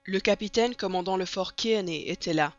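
An audiobook narrator reading a classic novel in an even, steady storytelling manner. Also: medium pitch, moderate pace, no room sound. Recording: dull lo-fi recording.

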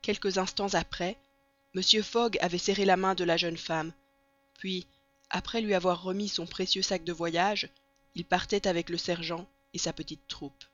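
An audiobook narrator reading a classic novel in an even, steady storytelling manner. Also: mid-range voice, moderate pace. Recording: dull lo-fi recording.

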